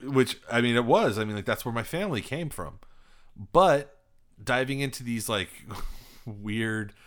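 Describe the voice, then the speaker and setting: A man's voice: medium pitch, animated, measured pace, a bit bright. A man hosting a podcast in casual chat, joking and swearing with a sardonic edge. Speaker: podcast host.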